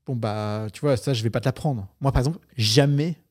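A man's voice: medium pitch, fairly quick. Candid middle-aged man in casual interview. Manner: candid, animated, swears freely. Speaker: investor guest.

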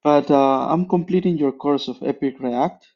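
A man from Peru leaving a recorded question for a podcast, halting and polite, with frequent pauses and fillers. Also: a little high, dull audio. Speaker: caller.

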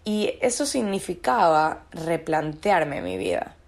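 A woman's voice: on the low side, lively intonation, slow, a little mellow. A woman as a podcast guest, talking about her own experience in an earnest, searching way and repeating words for emphasis. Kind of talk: reflective personal conversation.

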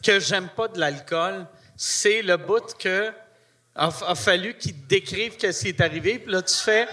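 A man with a Québécois accent hosting a live podcast on stage, excitable, swearing and laughing often. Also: high voice, unhurried. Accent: Québécois French. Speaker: podcast host. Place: stage before a live audience.

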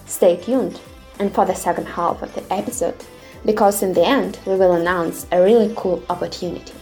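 A woman's voice: on the low side, fairly even intonation, brisk, darkish tone, soft background music. A woman from Russia co-hosting a podcast, reading a scripted introduction in an upbeat way. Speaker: podcast co-host.

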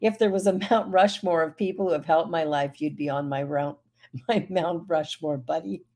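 Mellow-voiced man hosting a good-news show. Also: fairly high pitch, normal speed. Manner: emotional, chuckling asides between stories. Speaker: host and minister. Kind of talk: reading uplifting news stories with commentary.

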